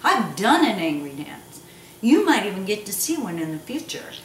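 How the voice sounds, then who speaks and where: Very animated and speaking at a normal speed, a woman with a medium-pitched voice hosts a relaxed cooking lesson, playful and jokey with teasing asides. The audio is echoey and noisy, captured on a far-off mic.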